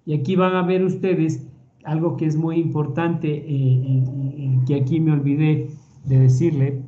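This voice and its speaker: A man with an Ecuadorian Spanish accent giving a recorded medical lecture in a measured, explanatory way, often repeating words as he thinks. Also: fairly high pitch, little pitch movement, highs cut off.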